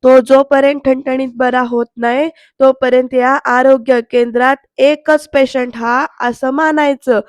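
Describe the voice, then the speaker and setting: Bossy old village matriarch, woman, drawn-out defiant threats, high voice held on one narrow line, dry close sound, as a female narrator reads her part. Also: steady tone, dry recording.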